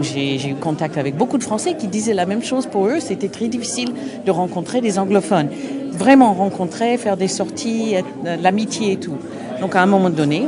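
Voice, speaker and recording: At a crowded open day, a middle-aged woman from the United States speaks English for an interview on behalf of an association. She stops and starts, groping for words and restarting often, in a mid-range voice over the noise of the crowd.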